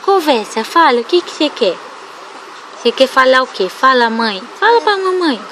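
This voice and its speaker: A woman's voice: high voice, lively intonation, normal speed, sharp tone, slight background noise. A woman talking to her baby in coaxing, affectionate baby talk. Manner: sing-song, coaxing, affectionate.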